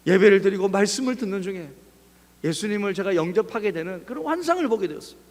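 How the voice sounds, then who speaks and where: Animated preaching man in a church. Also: high voice, fast talker. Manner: animated storytelling, acting out scenes. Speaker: pastor. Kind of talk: sermon. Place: church sanctuary. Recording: long reverb of a church hall.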